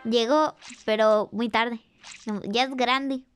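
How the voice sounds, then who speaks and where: A YouTuber in a put-on cartoonish character voice gives excited reaction commentary, repeating exclamations while watching and chatting with the audience. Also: medium pitch, takes it slowly, soft background music. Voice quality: a put-on cartoonish character voice, not the speaker's real one. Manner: chatty with the audience, laughs at own slips. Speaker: YouTuber reacting to an animated series.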